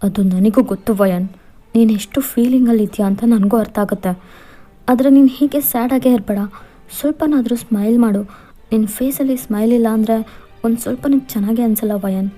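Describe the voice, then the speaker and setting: A woman's voice: on the high side, fairly quick, warm tone, soft background music, close to an everyday voice. A woman voicing an insistent, pleading young man confessing love in a fan fiction voiceover. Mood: earnest pleading. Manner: insistent, coaxing.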